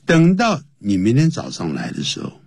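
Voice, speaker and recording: Male teacher, low husky voice, very slow and deliberate, pitch leaps up on key points, dry close sound. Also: wildly swooping pitch, darkish tone, no room sound. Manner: explains slowly, spells words out letter by letter; pitch jumps high to stress points. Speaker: English teacher. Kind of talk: classroom English lesson.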